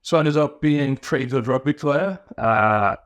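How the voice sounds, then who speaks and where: A man from Newcastle with a mixed northern English accent, a podcast guest telling his story in relaxed casual chat, often restarting his sentences. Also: mid-range voice, normal speed, dry recording. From Newcastle, England.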